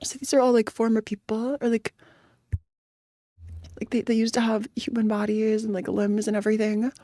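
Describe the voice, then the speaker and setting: A woman streamer with a fairly high voice and a cute anime-streamer manner. She chats casually as she reacts, playful and exclamatory, in a close, dry sound. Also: little pitch movement, moderate pace, dark tone, dry recording. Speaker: VTuber streamer reacting to a video.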